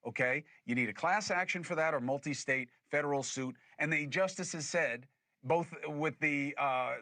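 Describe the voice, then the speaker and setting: A man hosting a podcast, giving emphatic, animated political commentary. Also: on the high side, dry recording. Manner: emphatic and animated, with scornful laughs. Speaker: podcast host.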